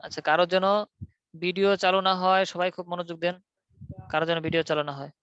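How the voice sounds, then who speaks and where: A man's voice: high voice, fairly even intonation, fast talker, fairly bright tone, clear, resonant tone, no echo, dull audio. A man teaching Arabic letter pronunciation in an online class, patiently drilling students in call-and-response. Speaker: Quran recitation teacher.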